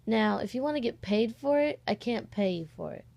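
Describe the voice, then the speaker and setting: A 16-year-old girl behind an amateur voice-acting channel delivers a casual, rambling, hesitant vlog-style announcement on a cheap, slightly distorted mic. Her voice is fairly high and expressive, fairly quick, gravelly, and a little mellow.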